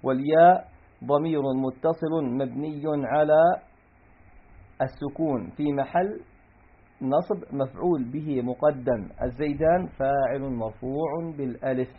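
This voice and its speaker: Through tinny, phone-like audio, a grammar teacher with a husky, medium-pitched voice reads from a classical text at a measured pace. He then parses the examples one step at a time.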